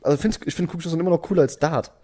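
A young man co-hosting a casual chat podcast, slangy and quick to jump between topics. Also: on the high side, dark tone. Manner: slangy, jumps between topics, laughs often. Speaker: podcast co-host.

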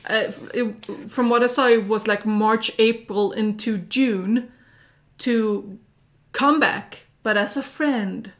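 A woman's voice: on the high side, fairly even intonation, takes it slowly. A woman hosting a casual chat, recounting events with plenty of fillers. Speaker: host recounting a story.

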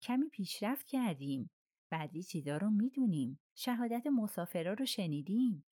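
Woman playing a calm, methodical detective. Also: mid-range voice, no room sound, clean studio sound. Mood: measured. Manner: calm, measured reasoning. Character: calm, methodical middle-aged male detective.

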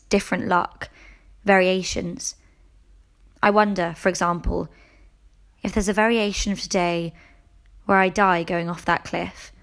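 A woman reading a novel aloud in the first person, in a steady, measured way. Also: on the low side, creaky. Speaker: audiobook reader.

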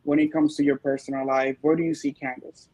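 A woman's voice: low-pitched, little pitch movement, fairly quick, dark tone, breathy edge, rough recording. A woman interviewing in a casual, chatty way, encouraging and effusive with her guest.

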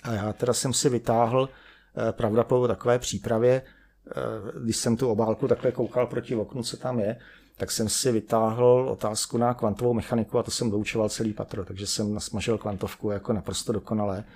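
Middle-aged chemist guy, low husky voice, rambling self-deprecating stories with lots of ums. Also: little pitch movement, a little mellow. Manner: rambling, self-deprecating anecdotes with many fillers. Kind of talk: conversational storytelling.

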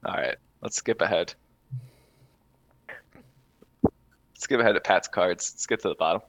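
A man hosting a casual sports betting podcast, moving the talk along with brisk prompts. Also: low voice, a bit bright, dry recording. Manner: brisk, runs the segment with quick prompts. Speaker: podcast host.

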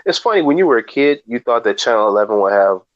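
A man co-hosting a podcast in casual chat, joking with dry, deadpan asides. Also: mid-range voice, fast, highs cut off. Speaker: podcast co-host.

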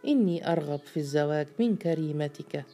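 A self-assured, knowing male governor from an audiobook tale, read by a woman. He speaks in a low, mellow voice with quiet confidence, and faint music runs beneath. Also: lively intonation, fairly quick. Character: confident, sly middle-aged male governor. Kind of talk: audiobook story reading.

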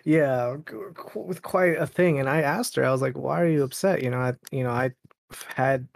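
A man's voice: mid-range voice, moderate pace, gravelly, dry recording, clean studio sound. A man in his late twenties, a podcast guest, telling a dating story casually, rambling with lots of fillers and laughs. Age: late 20s.

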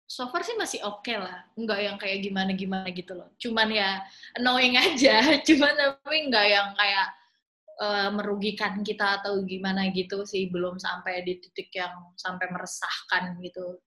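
A woman from Indonesia chatting casually as a podcast guest, animated and quick to laugh, dropping in English words. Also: medium pitch. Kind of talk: casual chat.

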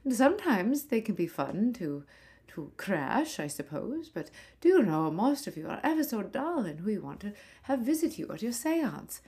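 A woman's voice: medium pitch, big pitch swings, normal speed, darkish tone. A woman voicing the vain, glamorous ghost of an old-Hollywood film star, theatrical and grand, who keeps calling her listeners darlings. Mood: campy. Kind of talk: scripted comedy podcast monologue.

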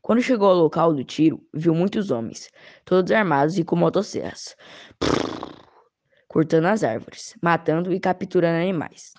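A woman reading an adventure story aloud in a steady voice. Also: on the low side, moderate pace. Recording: dull lo-fi recording.

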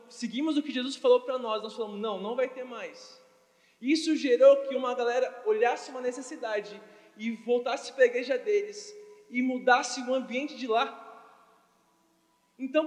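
A young man preaches to a youth crowd in a loose, slangy, conversational way, often asking the room questions. His voice sits very high for a man. The mic picks him up in a church hall with a long reverb tail. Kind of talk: casual youth sermon. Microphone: handheld or stand mic.

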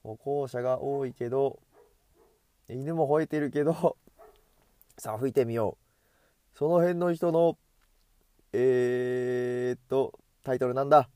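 A man with a mellow, warm tone rambles in a loose, self-amused monologue as he walks along a street. His nose runs from hay fever. He speaks into an earbud mic, and the sound is close and dry. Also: medium pitch, takes it slowly, long pauses, smooth, no echo. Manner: chatty and self-amused, talks to himself. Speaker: solo podcaster. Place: outdoors on a street, walking. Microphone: earbud headset mic.

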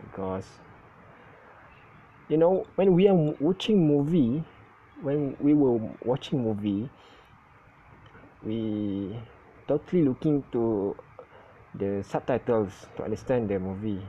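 A man who is not a native English speaker, recording his first casual podcast on a phone app and talking in a hesitant, halting way with many self-corrections. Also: lowish voice, mellow, dull audio, a little hiss or hum. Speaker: English learner.

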